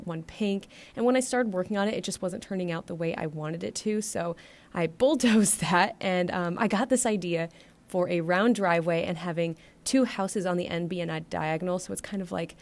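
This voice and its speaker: A woman's voice: lowish voice, moderate pace, a little mellow. An American woman with a congested, blocked-nose sound, a little short of breath, giving a chatty, casual voiceover commentary. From United States. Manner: chatty, rambling. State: getting over bronchitis, stuffed nose, short of breath. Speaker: gaming video creator.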